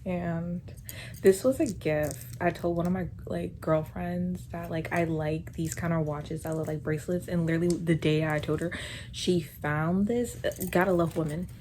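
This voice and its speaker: A woman's voice: fairly low pitch, fairly even intonation, moderate pace, darkish tone, slight background noise. A woman in her twenties casually telling a chatty, giggly story straight to her viewers. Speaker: storytime vlogger.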